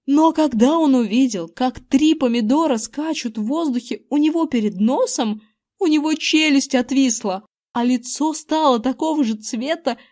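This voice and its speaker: A woman narrating an audiobook in the first person with lively, expressive storytelling. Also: high voice.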